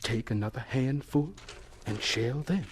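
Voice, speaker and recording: In a radio drama, a male actor with a mid-range, husky voice plays a devout, humble elderly scientist, speaking deliberately as he becomes absorbed in conversation with God. The acting is light, the mood hushed and absorbed, with a little hiss or hum in the recording.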